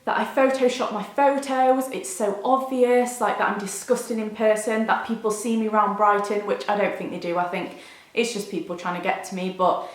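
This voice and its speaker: A woman's voice: mid-range voice, fairly even intonation, normal speed. A woman, giving a candid, chatty update to viewers in a confiding, informal way. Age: 20s. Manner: confiding, informal, frequent 'like'. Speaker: video blogger. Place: bedroom, indoors. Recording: roomy indoor echo.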